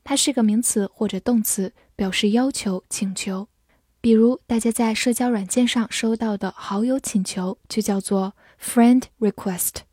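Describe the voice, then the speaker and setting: A woman whose first language is Chinese teaches English vocabulary in a scripted lesson, spelling each word letter by letter and reading the example sentences slowly. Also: a little high, steady tone, mellow, husky, dry recording, clean studio sound.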